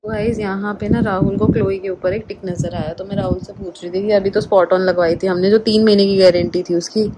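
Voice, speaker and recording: A woman's voice: mid-range voice, steady tone, a little fast, few pauses, background noise. A woman vlogging at home, gushing over her dog in baby talk and then chatting to viewers. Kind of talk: casual home vlog chat.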